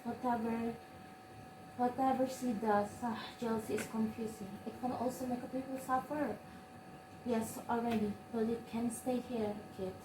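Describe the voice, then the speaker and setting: A woman's voice: a little high, steady tone, moderate pace, close to an everyday voice. A young woman playing a kindly old grandma with an Indonesian accent. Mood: sympathetic. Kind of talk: school English drama. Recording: echoey room, noisy background.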